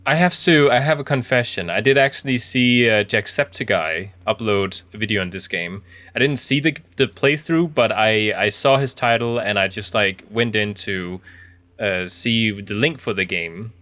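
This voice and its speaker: A man's voice: on the low side, moderate pace, bright, forceful tone, no echo. A man giving casual video game commentary, thinking aloud in a chatty, easily impressed way. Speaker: video game streamer playing an indie horror game.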